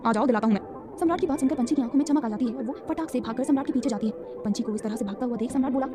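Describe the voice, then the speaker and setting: Fast, high-voiced woman storyteller. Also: music in the background. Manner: fast, dramatic cliffhanger narration. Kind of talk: scripted story narration.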